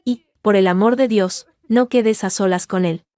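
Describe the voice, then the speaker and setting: A woman voicing a calm, methodical male lawyer giving careful instructions in a read-aloud story. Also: high-pitched, no room sound, clean studio sound. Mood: earnest. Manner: measured, grave, instructive. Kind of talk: scripted narration.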